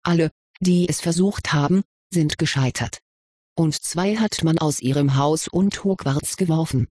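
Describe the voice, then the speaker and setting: A subdued, earnest schoolgirl from a storybook, voiced by the reader. Her husky voice sits in the middle of the range. It sounds dry and close. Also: mid-range voice, measured pace, dry recording. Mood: resigned. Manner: subdued, quietly disappointed.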